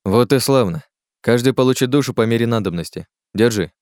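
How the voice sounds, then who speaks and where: A man's voice: medium pitch, brisk, darkish tone, no room sound, clean studio sound, close to an everyday voice. A man voicing a firm leader lecturing his group in an audiobook. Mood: calm commanding. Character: commanding male leader keeping order. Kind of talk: audiobook character voice.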